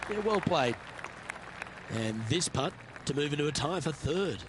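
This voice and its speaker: Game golf commentator, highish voice, composed short calls, crowd and outdoor noise behind. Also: male voice, lively intonation, a little slow. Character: male golf broadcast commentator, composed and encouraging.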